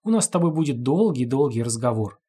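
A man's voice: mid-range voice, sing-song, fast, dark tone, husky. A man doing a spiteful, muttering gamekeeper. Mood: cold. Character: cruel muttering gamekeeper, hateful toward brother.

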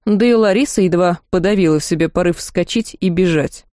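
A woman's voice: on the low side, fairly quick, dark tone, dry recording, studio quality. A woman reading a first-person fantasy novel aloud as an audiobook narrator.

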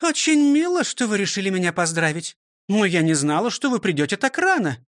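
A man voicing a strict old female schoolteacher who scolds in a sharp, commanding tone. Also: high-pitched, sing-song, a little fast, no echo, studio quality, pitched above the performer's own voice. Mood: stern, scolding.

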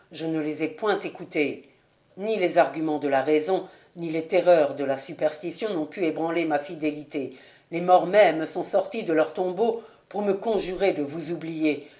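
A woman's voice: moderate pace, a little mellow, lightly acted. Woman doing a proud, bitter young nobleman. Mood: grave. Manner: low, grave, contemptuous. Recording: echoey room.

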